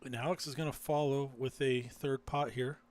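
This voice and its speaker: A man's voice: medium pitch, steady tone, moderate pace. A man commentating a live poker final table, explaining hands and teasing his co-host in dry banter.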